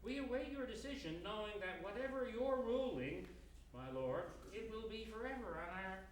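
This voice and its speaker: Man playing hammy high-pitched orating lawyer, echoey room. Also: lively intonation. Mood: impassioned, grave. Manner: theatrical, hammy oratory with emphatic repetition and weighty pauses. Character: impassioned male lawyer pleading to a judge in court. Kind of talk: dramatic reading of a courtroom speech. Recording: echoey room, distant mic, faint noise.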